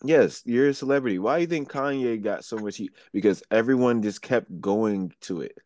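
A man's voice: fairly low pitch, moderate pace, a little mellow, dry recording, studio quality. A man co-hosting a casual podcast, talking bluntly and with a lot of swearing, and often taking the devil's advocate side. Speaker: podcast co-host. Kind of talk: casual chat.

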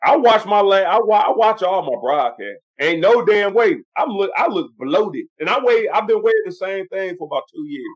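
High-voiced laid-back man from the Midwest. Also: big pitch swings, moderate pace, few pauses, husky. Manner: laid-back, storytelling, talks in loose run-on sentences. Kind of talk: casual podcast chat.

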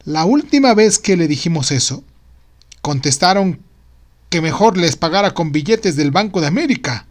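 A man's voice: a little high, expressive, moderate pace, natural voice. A man voicing a blunt, practical female housemaid in an audio storybook, insistent and complaining. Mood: nagging.

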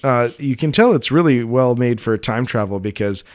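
A man's voice: medium pitch, lively intonation, moderate pace. A man co-hosting a podcast in casual comedic chat, joking and laughing often, with frequent restarts. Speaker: podcast co-host.

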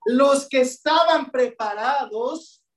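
High-voiced woman preaching in an echoey hall. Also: slow. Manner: asks the congregation rhetorical questions, addresses them as brethren. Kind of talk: sermon. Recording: echoey room, voice from a distance.

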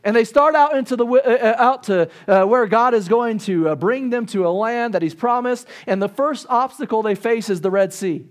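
High-voiced preacher in his thirties. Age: 30s. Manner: animated storytelling, acts out crowd complaints; halting restarts and repeated words. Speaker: pastor. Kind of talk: sermon.

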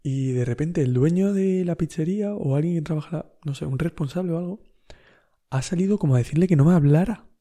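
Un hombre con acento de España que cuenta una anécdota en tono informal, relajado y con risas frecuentes. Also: male voice, fairly high pitch, fairly quick, warm tone. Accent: Spain Spanish. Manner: laid-back anecdotal, laughs often, slangy. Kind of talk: casual storytelling.

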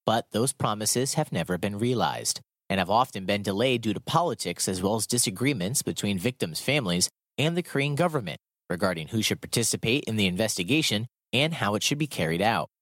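A man narrates a radio news feature in a measured, formal read. His voice sits low but moves around a lot in pitch. The booth sound is close and dry. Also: expressive, a bit bright, no echo. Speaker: radio reporter.

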